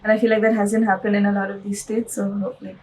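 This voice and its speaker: A woman's voice: medium pitch, flat delivery, fast, darkish tone, slight background noise, rough recording. A woman from India, a football player answering interview questions in a chatty way, often searching for words.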